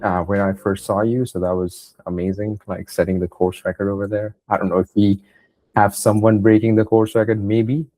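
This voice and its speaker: A man's voice: on the low side, mellow. A man hosting a podcast interview, talking loosely and hesitantly with many fillers. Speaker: podcast host.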